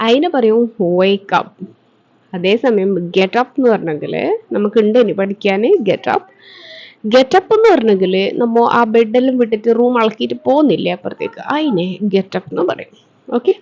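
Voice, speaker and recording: A woman with a Malayali accent teaching English, saying short phrases clearly and explaining them. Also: a little high, a little mellow, lo-fi sound. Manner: clear, deliberate drill-style enunciation. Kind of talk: language lesson, slow model phrases with explanations.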